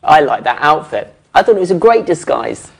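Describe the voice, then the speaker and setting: A man's voice: a little high, big pitch swings, normal speed, gravelly, breathy edge. Young man, casual and hesitant. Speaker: co-presenter. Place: indoor studio with brick walls.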